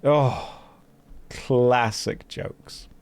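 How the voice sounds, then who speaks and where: While playing a game on a live stream, a man chats casually with his audience, making self-mocking jokes and reading chat messages and quest text aloud. His mid-range voice is very slow, creaky, and darkish, with fairly even intonation and a clean tone.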